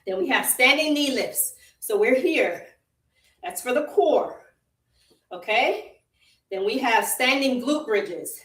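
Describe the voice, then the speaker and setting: A fitness instructor with a Jamaican accent runs a live virtual workout in a slightly high, fairly bright, animated voice at a slow pace. Her cues are short, encouraging and repeated, and she laughs easily, recorded roomy and away from the mic.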